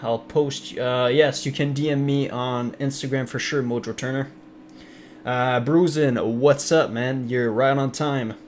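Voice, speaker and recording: Chatting casually on his live stream, a young Ontario man whose native language is French speaks with a French Canadian accent, rambling with lots of fillers and restarts and reading the chat out loud. His medium-pitched voice keeps fairly even intonation at a measured pace. Slight background noise is audible.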